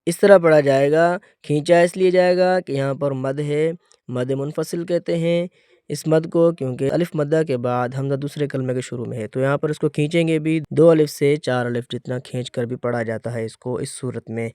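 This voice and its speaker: Male recitation teacher, slightly higher voice, smooth and resonant, patient explainer who models each sound. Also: steady tone, dark tone, dry recording, studio quality. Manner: patient, repeats and demonstrates correct pronunciation. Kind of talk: explanatory tajweed lesson.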